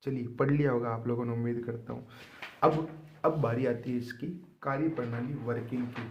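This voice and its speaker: A man's voice: medium pitch, fairly even intonation, moderate pace, dull audio, a little hiss or hum. A man teaching a physics lesson for board exams, calling his students kids and slipping English terms into his explanations. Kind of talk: board exam tutorial.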